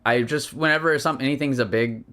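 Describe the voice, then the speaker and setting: A man's voice: medium pitch, fairly quick, fairly bright tone. Rambling, chatty man co-hosting a stream. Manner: rambling, chatty, self-interrupting. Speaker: stream co-host. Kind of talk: casual chat.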